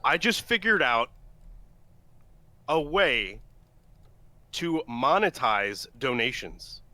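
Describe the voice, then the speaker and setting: Man, playful casual chat, bright voice, lively pitch, dry sound. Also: slow pace, no room sound.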